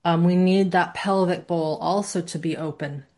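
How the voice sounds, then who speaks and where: A woman's voice: fairly low pitch, steady tone, normal speed, a little mellow. A woman instructor teaching a live class in a conversational way, often checking in with her students. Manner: conversational, asks the class questions, demonstrates voices. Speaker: course instructor.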